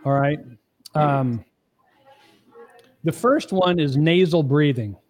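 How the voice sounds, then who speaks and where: Earnest middle-aged man, higher voice. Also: slow pace, a little mellow. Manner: earnest, explains step by step; emphatic, often asks the listener "okay?". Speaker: marriage coach guest. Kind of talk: podcast interview.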